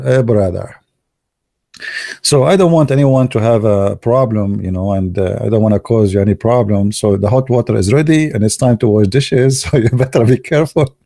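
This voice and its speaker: A man's voice: medium pitch, vocal fry, warm tone, dry recording, clean studio sound. A man joking and teasing his viewers in casual commentary, with non-native English phrasing. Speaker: video commentator.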